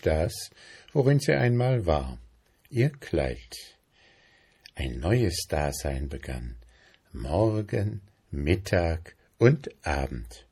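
A man narrating a storybook tale aloud in a calm, measured way. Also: low voice. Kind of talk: storybook reading.

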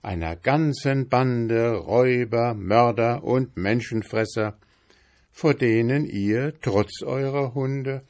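A man voicing a frightened innkeeper's wife in a read-aloud fairy tale, pleading in a high voice. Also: takes it slowly, darkish tone, close to an everyday voice.

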